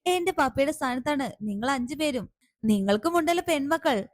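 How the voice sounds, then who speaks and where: A patient young woman in a retold family drama, as a woman narrator plays her, speaking in a calm, gently firm tone. Her voice is high and dry, recorded close. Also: brisk, no echo. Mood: pleading. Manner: calm, gently reasoning and pleading. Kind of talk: serial recap with acted dialogue.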